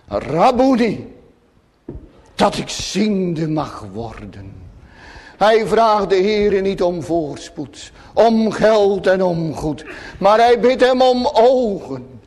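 A man preaching a sermon to his congregation, solemn and emphatic, often dropping to hushed tones. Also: sits high, animated, takes it slowly. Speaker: pastor. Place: church. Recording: long church reverb.

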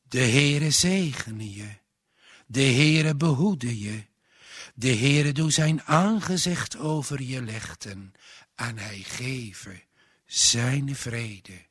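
A man voicing a frail, dying old gentleman who speaks slowly and tenderly, giving a pious blessing in solemn biblical language. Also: mid-range voice, breathy edge, dry recording, studio quality, full character voice. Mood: weary blessing. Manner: slow, weary, blessing in solemn biblical phrasing.

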